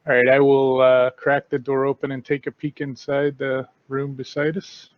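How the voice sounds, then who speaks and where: A man playing a tabletop game, calmly checking doors and chests one by one. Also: mid-range voice, moderate pace, no echo, lo-fi sound. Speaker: player. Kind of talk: tabletop role-play.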